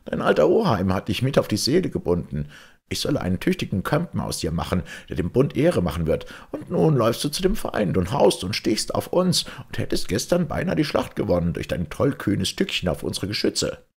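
A man voicing a gruff, boisterous older army captain in an audiobook. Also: fairly low pitch, wildly swooping pitch, fairly quick, voice pushed up, heavily acted. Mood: hearty.

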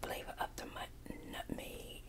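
A woman in whispered role-play ASMR, chatting in soft asides while she works a word search at a table, recorded close to the mic. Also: measured pace. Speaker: ASMR creator. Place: indoors at a table. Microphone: close mic over a tabletop.

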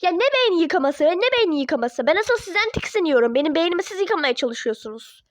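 A woman's voice: very high voice, sing-song, fast, dry recording. A woman voicing a defiant teenage girl who argues with her parents in a toy-app role-play drama. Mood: indignant. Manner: indignant, argumentative.

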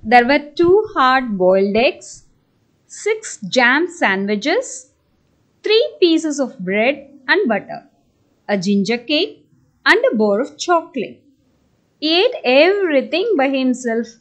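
A woman's voice: sits high, big pitch swings, slow pace. A woman teacher narrating a children's story for a school puppet show.

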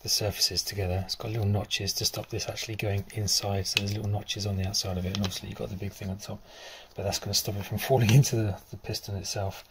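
A middle-aged man talking casually while he rebuilds a car engine outdoors, thinking aloud with pauses and fillers. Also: on the low side, flat delivery, fairly bright tone, slight background noise. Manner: thinking aloud, stop-start explaining with fillers. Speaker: DIY car mechanic. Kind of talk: casual workshop explanation. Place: outdoor driveway.

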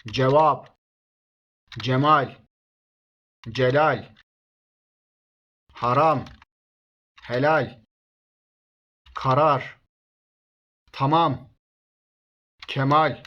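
A man's voice: medium pitch, steady tone, pushed and bright, lo-fi sound. A man teaching a recorded language lesson, reading out lists of example words one at a time and speaking to his students as friends. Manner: reads word lists slowly, one word at a time; addresses listeners as friends.

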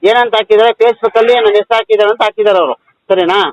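Fast insistent man arguing on a call. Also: high voice, steady tone, no echo, lo-fi sound. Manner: insistent, repeats demands, talks over the other. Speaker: activist caller. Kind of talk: heated phone argument.

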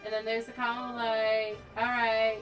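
A woman's voice: fairly high pitch, completely flat delivery, moderate pace, recorded from a distance, poor audio. A young woman hosting a let's play, chatting through her gameplay in a bubbly, giggly way over game music. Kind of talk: casual gameplay commentary. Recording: game music loud behind voice.

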